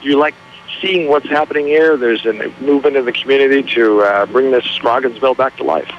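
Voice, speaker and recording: A man's voice: mid-range voice, fairly even intonation. Folksy man hosting a live radio remote. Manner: chatty and folksy, quick follow-up questions. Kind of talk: casual interviewing. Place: outdoors at an old mill on location, near a car. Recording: slightly muffled with faint background noise.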